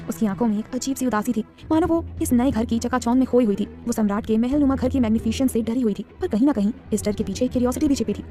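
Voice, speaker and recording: A woman narrating an audio story in a brisk, dramatic storytelling manner. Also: fairly high pitch, mellow.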